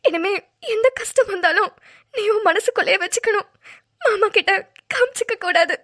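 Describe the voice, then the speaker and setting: A woman voicing a young village wife in a Tamil cartoon, tearful and halting as she hides her husband's injury. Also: very high-pitched, fairly bright tone. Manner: tearful, halting, crying through her words.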